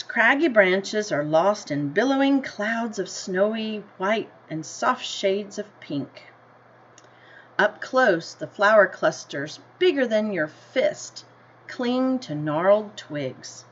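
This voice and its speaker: An American woman teacher with a medium-pitched voice reads a picture book aloud to children, going deliberately and adding simple explanatory asides and questions for her listeners. The recording sounds dull and lo-fi, with noticeable background noise.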